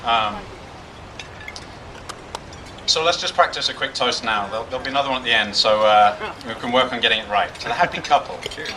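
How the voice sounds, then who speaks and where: This best man talks fairly quickly in a mid-range voice but lets long pauses hang between his dry, self-deprecating jokes during the wedding toast. A distant mic records him amid the crowd noise and guests of a packed reception.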